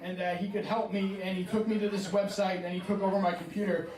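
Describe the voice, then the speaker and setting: A man's voice: high voice, little pitch movement, fast, a little mellow, natural voice. Man quoting his frantic, rambling elderly mother, with his own raised voice. Echoey live recording. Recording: echoey room with a far-off mic and a laughing crowd.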